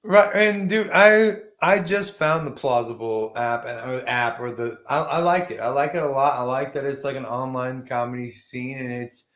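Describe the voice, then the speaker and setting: A man's voice: mid-range voice, moderate pace, hardly any pauses, a bit bright, reverberant. A man hosting a casual chat, joking crudely and swearing a lot. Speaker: podcast host.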